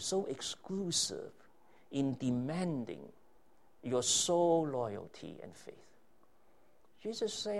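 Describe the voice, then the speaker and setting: Gravelly man preaching with emphasis. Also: medium pitch. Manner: emphatic preaching with rhetorical questions, drawn-out stressed phrases. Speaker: pastor. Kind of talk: sermon.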